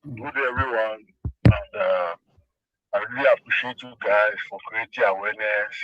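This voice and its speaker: A man's voice: lowish voice, moderate pace. A Nigerian man calling in over a phone put on speaker, making emphatic points, repeating himself and restarting sentences. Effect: heard over a phone on speaker. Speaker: caller. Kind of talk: heated call-in commentary. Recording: muffled phone speaker audio.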